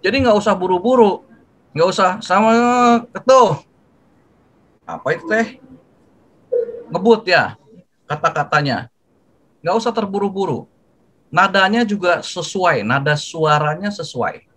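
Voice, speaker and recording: An older man giving a lively, jokey talk to students, acting out greetings as he goes. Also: high-pitched, normal speed, long pauses, poor audio. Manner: jokey, animated, acts out greetings. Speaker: guest speaker.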